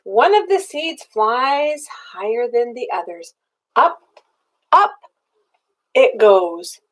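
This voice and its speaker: An older woman with a voice on the high side reads a picture book aloud slowly, grandmother-style, on a low-quality recording. She is expressive, asking her young listener simple questions in tones suited to a small child.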